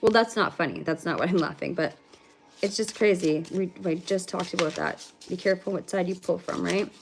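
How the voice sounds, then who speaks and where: A woman's voice: fairly low pitch, a little fast, gravelly, slight background noise. A woman giving a livestreamed spiritual card reading in a rambling, casual way, swearing freely. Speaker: spiritual reader.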